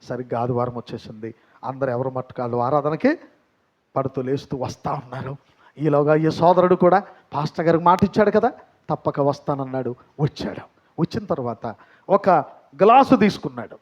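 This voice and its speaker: A man's voice: a little high, fairly quick, darkish tone, dull audio. A man preaching a sermon as pastor, telling a story and putting questions to the congregation. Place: church.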